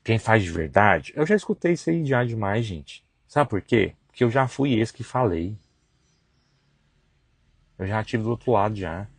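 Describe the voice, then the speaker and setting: A man's voice: on the low side, expressive, normal speed, slightly rough, no room sound. A man, hosting a faith and business live stream and preaching emphatically with slangy asides. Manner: emphatic, acts out gossiping voices with slangy asides. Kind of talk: preachy motivational talk.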